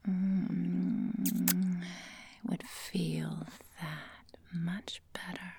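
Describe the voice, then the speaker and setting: A woman doing an intimate whispered role-play as a seductive, commanding lover, murmuring breathily with soft hums. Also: on the low side, slow, gravelly, a little hiss or hum. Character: seductive, dominant female lover in intimate adult audio.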